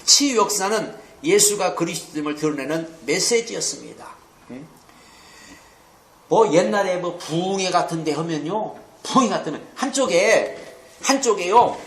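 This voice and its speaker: A male pastor giving a sermon-style Bible lecture in a church hall, emphatic and animated, often asking his listeners "응?" and acting out quoted voices. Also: high voice, measured pace. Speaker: pastor teaching a theology lecture. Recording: echoey room.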